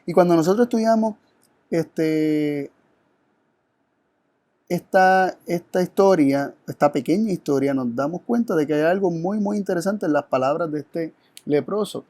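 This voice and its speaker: A man gives a teaching sermon with a somewhat high but mellow, warm voice. He talks in an earnest, reflective way and poses rhetorical questions. The sound is close and dry. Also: measured pace, no room sound. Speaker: Bible study presenter.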